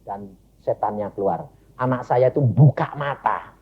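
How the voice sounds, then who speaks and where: A man preaching a sermon and telling a personal testimony, animated, with sudden pitch leaps and bursts of emphasis. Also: measured pace, husky, phone-quality sound. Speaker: evangelist preacher.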